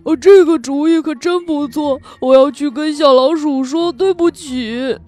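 A woman's voice: sits high, normal speed, dry recording, soft background music, voice pushed up, lightly acted. A woman voicing an anxious little male gnome who swings from tearful to eager in a children's storybook. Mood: excited. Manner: loud, emphatic, fretful. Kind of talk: storybook read-aloud for children.

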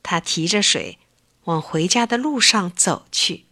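A woman gently and expressively narrating a children's story. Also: fairly low pitch, animated, unhurried.

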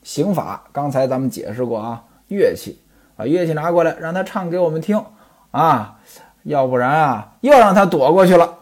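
A man explains a classic novel in a chatty, storytelling style, his slightly high pitch swinging widely with expression at normal speed. His voice has a husky grain. He asks himself questions and answers them, and wanders off into personal anecdotes.

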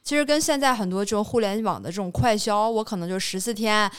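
A woman hosting an interview podcast, chatty and conversational as she asks her guest questions. Her voice has a middling pitch. It is recorded close and dry, with no room sound. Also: quick pace, clean tone, no room sound. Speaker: podcast host. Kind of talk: interview chat.

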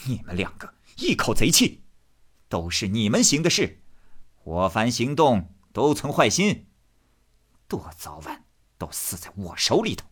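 A man's voice: deep voice, big pitch swings, normal speed, pauses often, breathy edge, full character voice. A man playing a lustful, petulant young nobleman who wheedles and blusters. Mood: blustering.

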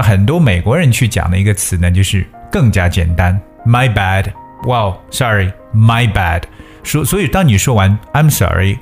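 A man teaching a bilingual English lesson, explaining patiently and repeating phrases slowly for practice. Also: lowish voice, a little mellow.

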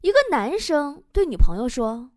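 Woman, comedy host, high voice, very animated delivery, noisy recording. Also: moderate pace. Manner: animated, playful, laughs often. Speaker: talk show host reading listener jokes. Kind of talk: comedic joke reading.

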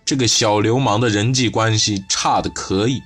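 A man narrating a crime novel as an audiobook in a steady storytelling way. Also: fairly low pitch, normal speed, slightly rough, faint music behind. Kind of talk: scripted narration.

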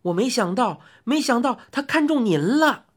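A woman voicing a nervous little shopkeeper man who pleads in a high, squealing voice. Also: lively intonation, normal speed, husky. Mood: pleading.

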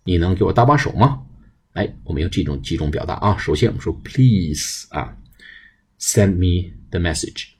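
A man with a deep, low voice and a slightly husky tone teaches English to Mandarin speakers. He has a Chinese accent, slows down to spell out example phrases, and then explains them in Mandarin. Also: animated. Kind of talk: bilingual English lesson.

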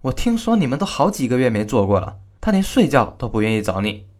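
A man's voice: mid-range voice, expressive, fairly quick. A man reading the part of a cold, arrogant young woman, a general's daughter, in a spoken story, with a taunting delivery. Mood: scornful. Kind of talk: storytelling narration.

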